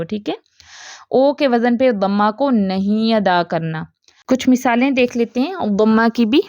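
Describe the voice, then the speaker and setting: A woman's voice: medium pitch, darkish tone, dry recording, dull audio. A woman teaching Quran recitation, asking questions and answering them herself, with many repeated examples. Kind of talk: tajweed lesson.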